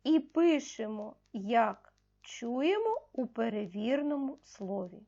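A woman primary school teacher giving a recorded video lesson to young pupils, patiently asking questions and answering them herself, slowly stressing key words. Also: on the high side, darkish tone, highs cut off.

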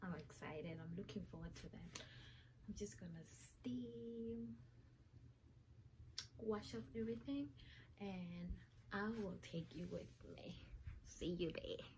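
A woman chatting casually to her phone camera for a vlog, sometimes speaking quietly. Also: mid-range voice, slow. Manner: soft-spoken, chatty, talking to her phone. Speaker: vlogger. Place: indoors at home and outdoors at night by a road. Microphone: phone camera held at arm's length. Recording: loud traffic and street noise.

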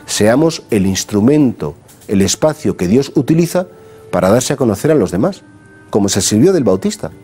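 A man's voice: fairly low pitch, very animated, normal speed, dark tone, husky. A middle-aged man with a Spanish accent, a priest giving a conversational gospel homily, asking earnest rhetorical questions. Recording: faint background music.

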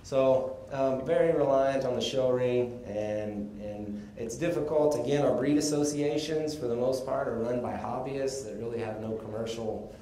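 A man from Texas gives a casual conference presentation, explaining things in a relaxed way with the odd chuckle. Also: medium pitch, normal speed, hardly any pauses, slight background noise. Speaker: conference speaker on sheep breeding. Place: conference room. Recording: echoey conference room, faint ambience.

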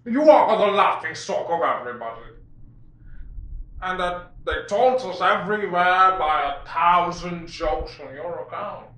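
A man in his twenties performing a classical comic stage monologue as a frank, mocking servant, theatrical and deliberate, with dramatic pauses. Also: sits high, fairly bright tone. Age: 20s. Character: frank, mocking male servant addressing his miserly master. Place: small bare room indoors. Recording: echoey room.

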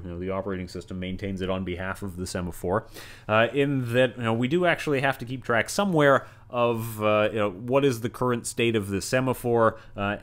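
A male university lecturer giving a recorded lecture, rambling along with many asides and everyday analogies. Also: lowish voice.

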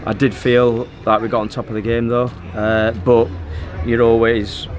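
Crowd noise fills the background as a middle-aged football manager speaks after the match on an outdoor pitch. His replies are even, level and measured, though full of fillers, and the interviewer captures them on a handheld phone.

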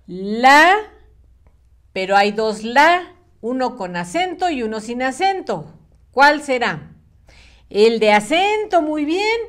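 A woman teaching a children's spelling lesson, patient and sing-song, using diminutives. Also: fairly high pitch. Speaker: primary school teacher.

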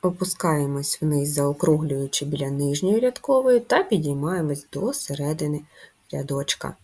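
Woman, primary school teacher, children's handwriting lesson, low-pitched, slightly husky voice. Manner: slow, gentle and instructive, addressing young pupils.

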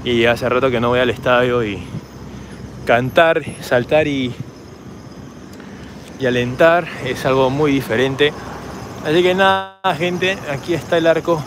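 Hoarse Peruvian man vlogging outdoors. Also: mid-range voice, fairly even intonation, measured pace, pauses often, background noise. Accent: Peruvian Spanish. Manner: chatty, rambling, talks straight to camera while walking. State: hoarse from shouting. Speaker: travel vlogger. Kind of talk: casual walking vlog. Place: city park and streets at night, outdoors. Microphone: handheld camera.

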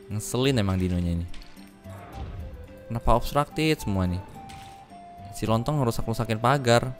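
A man commenting live on a dinosaur park game, excitable and slangy, often shouting in alarm at what happens on screen. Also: mid-range voice. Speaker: gaming channel host.

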